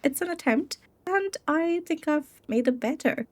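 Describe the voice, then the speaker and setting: A young woman talks her way through a building game in a loose, rambling way, laughing often and joking at her own expense. She sounds worn out, and her voice sits a little high for a woman. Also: lively intonation, moderate pace. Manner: giggly, rambling and self-deprecating. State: tired. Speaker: Minecraft let's play creator. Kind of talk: casual gameplay commentary.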